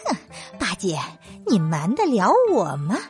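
Woman doing a cocky monkey king, deep-ish and bossy, snorts and scolds, kids' storybook. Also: huge pitch swings, measured pace, soft background music. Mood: scolding haughty. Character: proud hot-tempered male monkey king. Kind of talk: children's storytelling.

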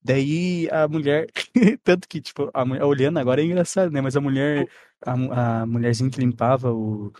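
A young man with a Brazilian accent telling school stories in casual podcast chat, slangy and animated, often restarting words and laughing. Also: medium pitch, normal speed. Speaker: podcast co-host.

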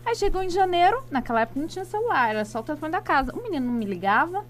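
A woman's voice: high-pitched, very animated, racing. A woman, a guest telling personal stories animatedly in a casual chat, repeating words for emphasis. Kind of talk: lively storytelling in casual chat.

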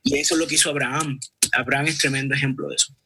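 Husky, forceful man speaking earnestly. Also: medium pitch, level tone, very fast. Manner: earnest, with many restarts. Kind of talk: religious conversation and storytelling.

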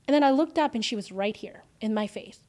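A woman, a podcast guest, telling an emotional personal story, swinging from hushed moments to loud exclamations. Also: fairly high pitch, a little fast.

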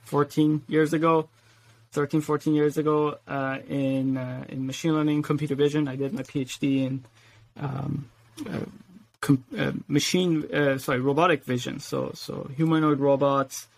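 Guy in his 40s, grew up in sweden, kinda gravelly, lots of uhs and ums, chill podcast guest. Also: fairly high pitch, moderate pace, no echo. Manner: relaxed, hesitant with many fillers, laughs easily. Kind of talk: casual interview talk.

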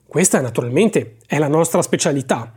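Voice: mid-range voice, lively intonation, normal speed, a little mellow, slightly rough. A reader voicing a polite, eager male antique dealer who speaks deferentially in an audiobook. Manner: deferential, courteous.

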